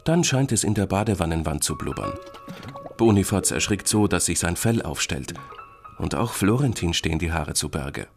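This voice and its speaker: A man narrating a children's audiobook in an expressive storytelling manner. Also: low-pitched, normal speed, creaky, over music.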